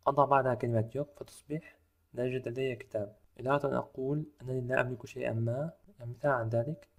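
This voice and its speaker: Man, language teacher, methodical, mid-pitched voice, slows for examples. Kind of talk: explaining a lesson step by step.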